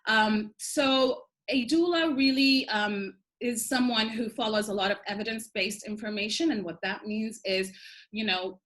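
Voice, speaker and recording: A woman in her thirties, originally from Sudan and raised in Dubai, speaks as a doula guest in a video-call interview. Her voice is on the high side at a moderate pace, and she explains things warmly and at length, with frequent ums.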